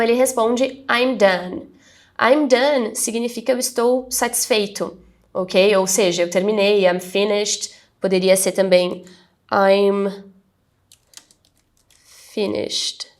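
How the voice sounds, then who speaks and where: A woman from Brazil teaching English phrases, saying each English phrase slowly and carefully before explaining it at a quicker pace. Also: mid-range voice.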